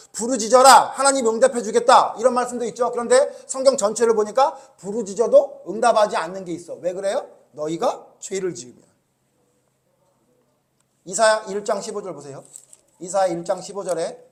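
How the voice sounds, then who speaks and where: A male pastor preaching a Sunday sermon, asking his congregation rhetorical questions and swinging between loud rebukes and quiet asides. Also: brisk. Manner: animated preaching, rising loud when scolding, dropping low and quiet.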